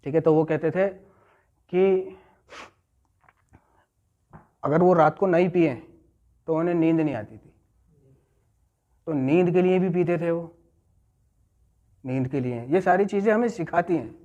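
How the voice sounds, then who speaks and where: Man, addiction recovery teacher, story-driven lecture, repeats phrases, quizzes listeners, slightly high, dull recording. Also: unhurried, pauses often, mellow. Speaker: addiction recovery class leader. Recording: muffled lo-fi recording.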